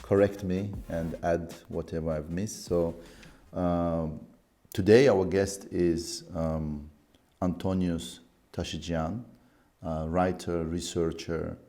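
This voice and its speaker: A man's voice: sits low, steady tone, slow, warm tone. A man hosting an interview, asking long, rambling questions full of fillers as he searches for words. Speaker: interview host.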